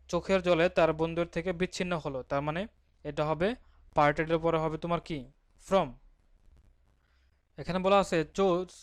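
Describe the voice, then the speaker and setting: A man with a Bangladeshi Bengali accent, his voice a touch high and smooth, teaches an exam-prep grammar lesson, asking and answering his own questions as he goes. He reads the English example sentences out slowly. The sound is dry and close. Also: a bit bright, no echo.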